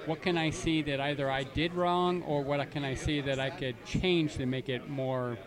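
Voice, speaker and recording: A man's voice: on the high side, fairly even intonation, normal speed, recorded from a distance, a crowd in the background. A man from Canada interviewing filmmakers, joking and stammering through his questions. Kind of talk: casual interview.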